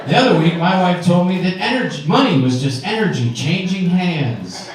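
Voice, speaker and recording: A man's voice: high voice, expressive, normal speed, noisy background. A man in his forties performing a stand-up set in a wry, conversational, punchy way. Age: 40s. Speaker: stand-up comedian. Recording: very echoey room, distant mic, faint ambience.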